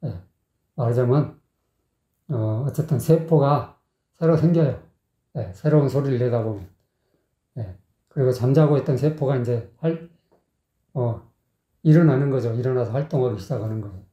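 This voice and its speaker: A singing teacher gives a vocal lesson, singing short phrases slowly and then explaining them in quick, plain speech, often checking that the learner follows. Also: medium pitch, dark tone. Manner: often checks with the learner by asking "you get it?". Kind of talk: vocal lesson with sung demonstrations. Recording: echoey, tinny phone-like sound.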